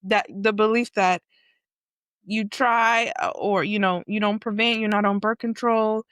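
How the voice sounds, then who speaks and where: A woman's voice: medium pitch, fairly even intonation, a little slow, a bit bright, smooth, no echo, studio quality. A woman hosting a podcast interview, asking probing follow-up questions and affirming often. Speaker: podcast host. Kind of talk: conversational interview.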